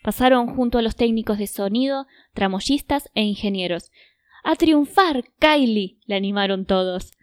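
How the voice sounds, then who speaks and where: A woman narrating a children's story in a gentle, measured way. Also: medium pitch, clear, resonant tone.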